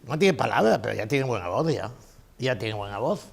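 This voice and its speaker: Emphatic man lecturing, gravelly and lively. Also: mid-range voice, normal speed, slight background noise. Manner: emphatic, repeats key phrases, asks rhetorical questions. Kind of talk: conference lecture.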